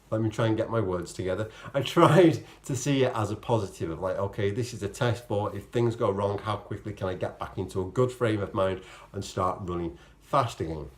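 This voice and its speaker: A man's voice: on the low side, fairly quick, hardly any pauses. A man talking casually to camera as an amateur running vlogger, explaining things in a rambling way, correcting himself and voicing his own thoughts as quotes. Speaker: vlogger, amateur marathon runner. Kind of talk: casual, chatty vlog to camera.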